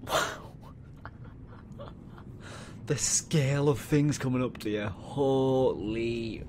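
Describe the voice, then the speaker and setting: A young man from Middlesbrough, speaking Teesside English, provides VR gameplay commentary for his YouTube channel, jumpy and nervous, letting out swears and yelps when startled. His medium-pitched voice is unhurried and a little mellow. Game music sounds clearly behind him, along with slight background noise.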